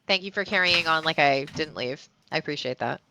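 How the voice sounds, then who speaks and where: A woman playing in a tabletop game over a voice call, talking in an expressive, playful way. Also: low voice, fairly quick, a little hiss or hum, low-quality recording. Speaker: player. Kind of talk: casual chat in a tabletop game.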